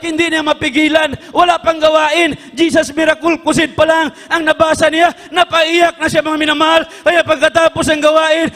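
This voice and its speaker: A man preaching a sermon, impassioned, swinging from hushed tones to shouts. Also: very high-pitched, long reverb tail.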